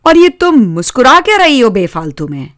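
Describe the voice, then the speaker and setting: A woman voicing a blunt, teasing boy in a lively storytelling voice. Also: fairly high pitch, normal speed, no room sound, studio quality, voice pushed up.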